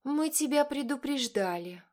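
A woman's voice: medium pitch, moderate pace, a bit bright, close to an everyday voice. A woman voicing a sarcastic grown woman who mocks in a sweet, venomous tone. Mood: mocking. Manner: honeyed, venomous.

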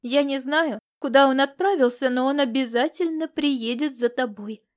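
A woman voicing a calm, gently reassuring young woman. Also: sits high, normal speed, natural voice. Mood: calm gentle. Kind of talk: audiobook character reading.

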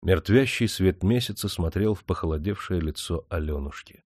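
A man reads a historical novel aloud in a steady, measured narration. His voice sits on the low side, and the recording is dry and close, with no room sound at all. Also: no room sound. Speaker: audiobook narrator. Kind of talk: scripted narration.

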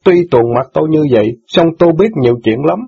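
A man's voice: fairly high pitch, lively intonation, fast talker, creaky, slightly rough, voice pushed up, full character voice. A man voicing a sulky, angry teenage boy in a storybook reading, talking back with bitter, defiant retorts. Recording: dull lo-fi audiobook recording.

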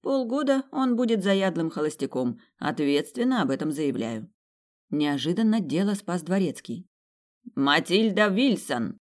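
A woman reads an audiobook aloud, telling a story in the first person. Her storytelling is wry and lively. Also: lowish voice, moderate pace. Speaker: audiobook reader. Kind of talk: first-person narration of a fantasy romance.

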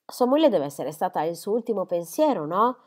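A woman voicing a calm middle-aged male country doctor who speaks in a measured, reasoning way. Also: medium pitch.

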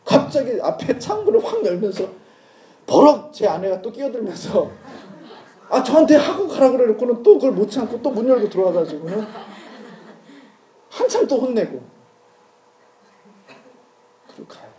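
A man in his forties delivers a retreat lecture, high-pitched and mellow in tone. He talks to the room conversationally and keeps asking rhetorical questions. The sound is roomy and echoey, as if taped in a lecture hall. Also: very animated, normal speed, long pauses. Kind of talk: sermon-style lecture with family anecdote.

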